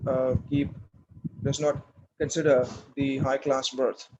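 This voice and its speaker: A man giving a devotional talk and telling a story, speaking haltingly and often repeating words as he searches for his phrasing. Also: medium pitch, flat delivery, a little mellow, rough recording. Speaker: speaker at a temple class.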